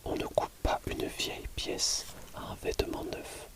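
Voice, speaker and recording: ASMR audiobook reader: library whisper throughout, very slow, measured phrasing. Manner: measured, pausing between short phrases.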